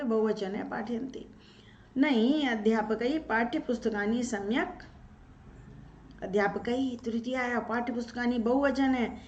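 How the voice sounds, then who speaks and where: A woman's voice: a little high, echoey room, muffled recording. Woman teaching, talking through answers. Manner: explains step by step, asks and answers her own questions. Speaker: Sanskrit teacher. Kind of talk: exam-paper walkthrough lesson.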